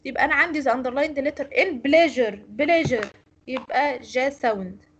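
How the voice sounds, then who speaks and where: A woman's voice: sits high, moderate pace, fairly bright tone, muffled recording, slight background noise. An Egyptian woman teaching English pronunciation in an online lecture, explaining and correcting students. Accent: Egyptian Arabic.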